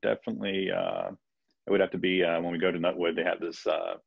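A quick, creaky, husky voice pitched low and kept level belongs to a physician in his thirties, originally from Peru and raised in Florida. He's a guest answering interview questions on a video call from his home, hesitating often and restarting with many fillers. The lo-fi call audio is dull but free of echo.

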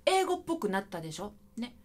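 A woman's voice: medium pitch, quick pace. A middle-aged woman teaching saxophone in a chatty video lesson, scatting and singing short phrases to show the rhythm. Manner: lively, chatty, sings and scats phrases to demonstrate.

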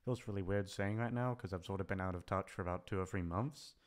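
Deep-voiced and quick, a man records an off-the-cuff goodbye vlog. He creates audio content and does voice acting, and here he meanders, hesitates, and pokes fun at himself while thinking aloud.

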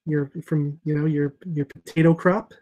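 A mellow, somewhat high voice with a level tone, at normal speed. The speaker, a comic shop owner in his thirties, hosts a relaxed video call from home over an earphone mic, and his talk rambles a little, full of fillers and restarts.

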